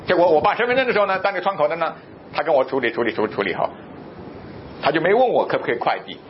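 A middle-aged man from southern China preaching a sermon, telling a personal story with animated delivery and acting out the dialogue. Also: very fast. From Guangzhou area of southern China. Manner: emphatic, sudden jumps in pitch and loudness. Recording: muffled recording with faint low rumble.

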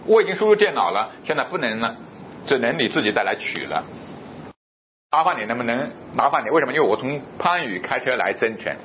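Middle aged guy preaching, tells a story and acts out the back and forth, voice jumps up loud at times, kinda muffled with a low rumble. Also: brisk. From Guangzhou area of southern China. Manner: animated storytelling, acting out both sides of dialogue; emphatic, sudden jumps in pitch and loudness. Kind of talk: sermon with a personal anecdote.

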